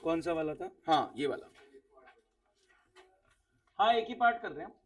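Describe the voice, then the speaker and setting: A man teaches accounts to a room of students, high and lively in pitch with a gravelly edge. He quizzes them strictly and repeats key words. His voice sounds a little distant from the mic. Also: normal speed. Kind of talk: classroom teaching. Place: classroom.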